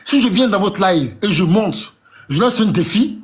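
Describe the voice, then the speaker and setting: A man's voice: high-pitched, animated, moderate pace. A man challenging others in a heated live debate, insistent, stammering and repeating himself. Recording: faint background noise.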